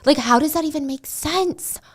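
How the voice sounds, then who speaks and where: A woman's voice: sits high, normal speed. A woman telling a story in a casual, chatty way, with asides and rhetorical questions. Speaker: commentary host. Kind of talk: casual storytelling while drawing.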